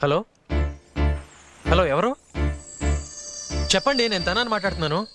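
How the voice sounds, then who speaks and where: An actor playing a calm, caring young hero who talks gently in a film drama. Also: male voice, high-pitched, normal speed, loud music behind the voice. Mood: gentle.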